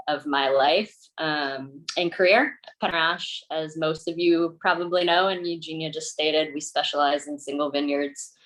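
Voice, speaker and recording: A woman's voice: sits low, rough recording. A woman in her thirties or forties from Oregon with an American accent, giving an informal presentation as a winemaker. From Oregon, United States. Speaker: winemaker introducing herself.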